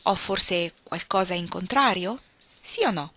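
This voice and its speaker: A woman's voice: fairly low pitch, lively intonation, unhurried, sharp tone, exaggerated voice. Woman reading as Orlando, spirited young noblewoman. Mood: musing. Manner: musing, reflective, with sudden exclamations.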